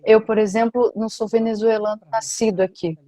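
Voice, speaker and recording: Give me a woman with a mellow voice, interpreting a panel talk steadily. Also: on the high side, flat delivery, brisk, no echo.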